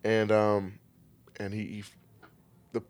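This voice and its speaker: Low-voiced man chatting casually. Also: monotone, takes it slowly, darkish tone. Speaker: podcast guest, trainer and massage therapist. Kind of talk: casual chat.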